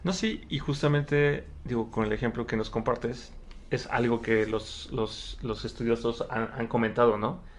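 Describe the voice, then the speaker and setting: A man's voice: mid-range voice, unhurried, a little hiss or hum. A man hosting a psychology podcast, explaining research in a chatty way, with frequent tag questions and repeated words. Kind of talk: casual conversational podcast.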